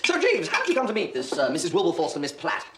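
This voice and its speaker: An actor playing a genial, flustered young upper-class gentleman who talks in a dithering, hesitant way. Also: high voice, huge pitch swings, racing, heavy background noise.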